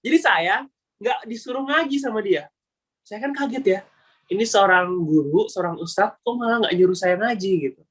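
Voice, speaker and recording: A young man giving a casual webinar talk, slangy and animated, acting out the voices of people in his story. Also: sits high, moderate pace, slightly rough. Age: young adult. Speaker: webinar speaker.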